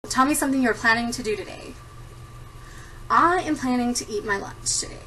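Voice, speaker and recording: A woman's voice: on the high side, fairly quick, sharp tone, slightly rough, far from the mic, poor audio. A woman in her thirties chatting casually to camera, giggling often and rambling with lots of ums. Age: 30s. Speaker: vlogger answering a tag. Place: home room at a desktop computer. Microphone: computer camera mic.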